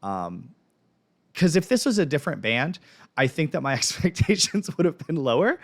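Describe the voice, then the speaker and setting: A man's voice: fairly high pitch, very animated, moderate pace. A man in his thirties, co-hosting a music reaction show, talking thoughtfully and rambling with ums and laughs. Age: 30s. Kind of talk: casual chat.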